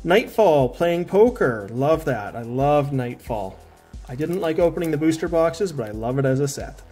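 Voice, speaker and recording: A man's voice: fairly high pitch, lively intonation, normal speed, a little mellow, faint music behind. Chatty man unboxing while in pain. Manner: chatty, rambling, with many restarts and fillers. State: in pain, a little out of breath. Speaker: unboxing vlogger. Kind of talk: casual unboxing talk.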